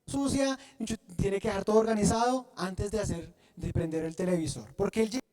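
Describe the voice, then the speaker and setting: A man preaching a sermon, often pausing to have the congregation fill in the word, and restarting phrases as he goes. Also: high voice, warm tone. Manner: asks the congregation to fill in words. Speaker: pastor.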